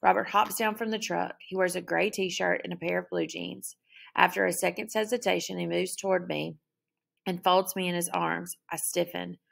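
Woman narrator, first-person novel reading, heavy vocal fry, low pitch, steady pace. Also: normal speed. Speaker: audiobook narrator.

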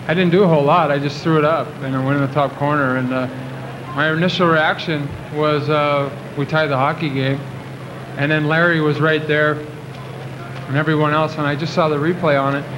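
A young man in his twenties answers reporters after a game. His voice sits slightly high, and he rambles through fillers and restarts. The old video recording carries a clear hiss. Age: 20s. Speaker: athlete at a post-game press conference. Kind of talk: post-game press conference answers. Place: press conference room. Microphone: table microphones at the podium.

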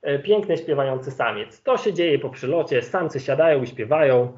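A man giving an online lecture with slides as an ornithologist, explaining in a relaxed way and thinking aloud with fillers. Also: medium pitch, normal speed. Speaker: ornithologist giving a webinar presentation. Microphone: video call. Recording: lo-fi video call audio.

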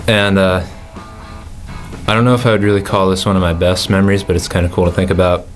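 A man's voice: low-pitched, flat delivery, fast, faint music behind. An eighteen-year-old man answering interview questions casually, rambling a little with fillers, in a studio. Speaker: music school student. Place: indoor studio in front of a backdrop.

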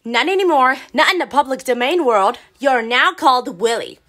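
A high-pitched cartoon rule-giver acted by a performer in a silly fan dub. The delivery is matter-of-fact and unbothered, calmly correcting. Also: moderate pace.

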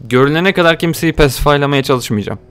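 A young man giving casual, joking gameplay commentary, talking to viewers and getting excited during the action. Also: fairly high pitch, quick pace, soft background music. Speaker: gaming video host.

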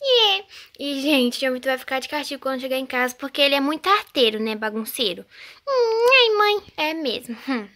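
A woman's voice: sits high, sing-song, brisk. A girl playing a scolding mother in a doll role-play video, talking to viewers between scenes. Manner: scolding, motherly, soft when narrating.

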